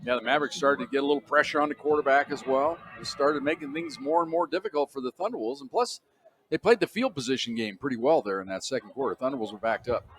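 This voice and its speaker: A man's voice: medium pitch, quick pace. Older man, chatty radio play-by-play announcer. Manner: storytelling, chatty, chuckling. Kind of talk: radio sports commentary. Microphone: broadcast booth microphone.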